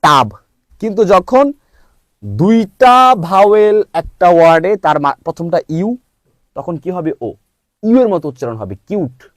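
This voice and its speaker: A man teaching English pronunciation, spelling out letters slowly before saying each word. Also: sits high, big pitch swings, dry recording, clean studio sound. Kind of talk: slow spelled-out phonics lesson.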